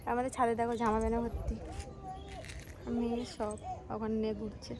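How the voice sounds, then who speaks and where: A woman's voice: on the high side, flat delivery, fairly quick, a little mellow. A young woman chatting to the camera while looking after her baby at home. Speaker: vlogger and mother. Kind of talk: casual home vlog talk. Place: family home and rooftop.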